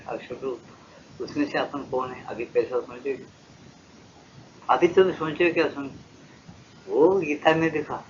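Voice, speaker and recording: A man in his seventies from India, a spiritual teacher giving a devotional discourse, asking rhetorical questions and swinging between loud and hushed speech. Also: medium pitch, a little hiss or hum. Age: 70s. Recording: muffled old lo-fi tape.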